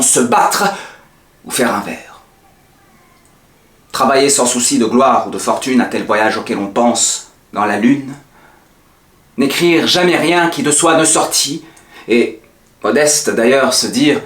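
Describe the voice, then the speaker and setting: A man's voice: mid-range voice, fairly bright tone, lightly acted. A man playing a proud, defiant poet-swordsman in a hammy, theatrical verse monologue, declaiming with big dynamic swings. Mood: dreamy, hushed, then proud, resolute. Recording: echoey, roomy sound.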